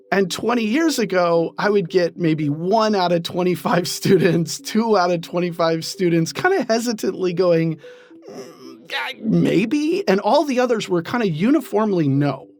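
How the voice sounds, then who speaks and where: A man, a professor, explaining ideas in an interview with lively, laughing asides. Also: high-pitched, normal speed, soft background music. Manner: animated, laughs while explaining. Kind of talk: interview answers.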